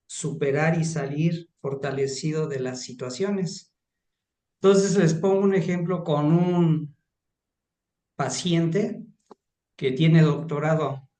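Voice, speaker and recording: A man's voice: fairly high pitch, dark tone. A man, a pastor and counselor, sharing a rambling, emphatic story in an online class. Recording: roomy echo.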